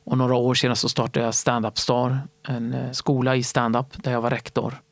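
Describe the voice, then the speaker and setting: A man telling stories in a casual interview, animated and fond of acting out other people's voices. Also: medium pitch, dry recording. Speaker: stand-up comedy entrepreneur and guest.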